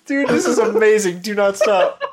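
A man co-hosting a podcast, joking with quick interjections in casual chat. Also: high-pitched, over a noisy crowd. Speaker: podcast co-host.

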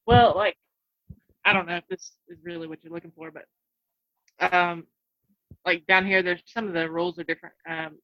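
A woman with a rural Carolina accent and folksy country drawl, chatting casually in a soft, nervous, hesitant voice as a call-in guest. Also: on the low side, fairly even intonation, moderate pace, long pauses, no room sound, muffled recording. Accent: Southern US, rural Carolina. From North Carolina, US. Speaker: guest calling in to a live show. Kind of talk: casual chat.

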